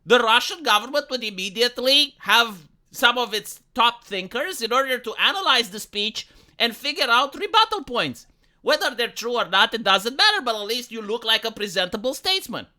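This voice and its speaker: A man's voice: extremely high pitch, expressive, moderate pace, bright, forceful tone. A man from Eastern Europe with a Romanian accent and a blunt, ranting manner, swearing freely in an opinion commentary vlog. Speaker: political commentator.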